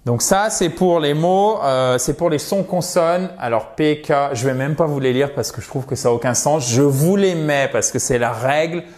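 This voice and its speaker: A man teaching English grammar in a video lesson, explaining patiently and repeating example words slowly. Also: a little high, darkish tone.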